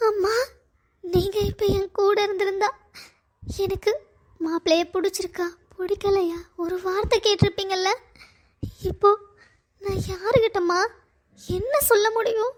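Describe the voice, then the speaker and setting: A woman voicing a distressed young bride-to-be in a cartoon story, pleading and upset. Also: very high voice. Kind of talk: cartoon voice acting.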